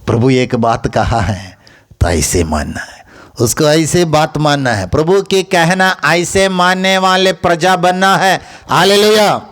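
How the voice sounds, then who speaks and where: Emphatic high-voiced male preacher. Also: takes it slowly, fairly bright tone. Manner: emphatic, repetitive, swings between high exhortation and low asides. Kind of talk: church sermon. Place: church.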